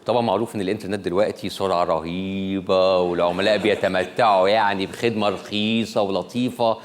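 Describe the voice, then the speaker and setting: A man with an Egyptian Arabic accent, hosting a comedy show and joking to a studio audience in quick bursts with many restarts. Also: deep voice, steady tone. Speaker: show host introducing a guest. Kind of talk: comic monologue to a studio audience.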